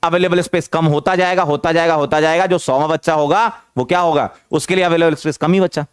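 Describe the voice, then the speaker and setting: Energetic male chemistry teacher. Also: a little high, quick pace, clear, resonant tone, dry recording, clean studio sound. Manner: energetic, coaxing questions, repeats phrases; mixes English terms into speech. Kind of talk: online chemistry lecture.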